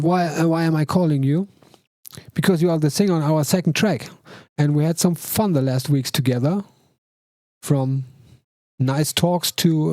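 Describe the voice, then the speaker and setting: Mellow-voiced man hosting a stream. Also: a little high, no echo. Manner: talkative, rambling with restarts. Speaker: stream host, producer. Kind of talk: casual chat on a stream.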